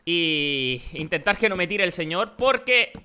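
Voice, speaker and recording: A young man, commentating his own Minecraft match in a rambling, excitable way and breaking into frantic shouts. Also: a little high, measured pace, clear, resonant tone. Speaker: gaming YouTuber.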